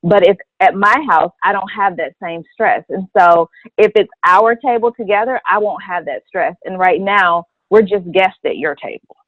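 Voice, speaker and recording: A woman giving her views as a panel guest in a deliberate, articulate way. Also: mid-range voice, dry recording. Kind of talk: conversational panel discussion, measured opinion. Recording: narrow, phone-like radio sound, dry.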